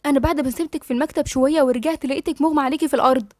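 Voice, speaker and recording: A woman's voice: high voice, steady tone, racing, darkish tone, no echo, studio quality, lightly acted. A woman with an Egyptian accent voicing a puzzled, matter-of-fact young female coworker in an audiobook. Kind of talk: audiobook dialogue reading.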